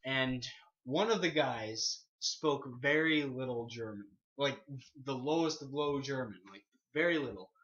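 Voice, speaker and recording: A man's voice: mid-range voice, measured pace, fairly bright tone. Hesitant man on a lo-fi podcast. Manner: hesitant, many ums and restarts, laughs while telling stories. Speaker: podcast co-host. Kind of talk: casual podcast chat.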